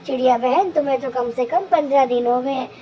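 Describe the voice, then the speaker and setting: Woman doing a gentle caring cloud. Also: high voice, brisk, slight background noise, natural voice, poor audio. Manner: soothing, pleading. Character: kind male cloud, protective and gentle.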